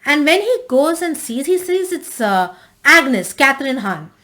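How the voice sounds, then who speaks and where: A woman's voice: high voice, very animated, a little slow, sharp tone. A woman casually recapping and reviewing a TV episode, rambling with frequent restarts and fillers.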